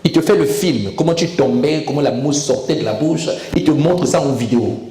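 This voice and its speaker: A man pastor preaching a sermon, emphatic and animated and calling for amens. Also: on the high side, a little fast, reverberant, rough recording.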